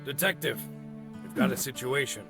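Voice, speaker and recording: A man's voice: mid-range voice, lively intonation, normal speed, pushed and bright, faint music behind. A man voicing a detective's boss who gives curt, urgent orders over a phone line with a metallic, distorted sound.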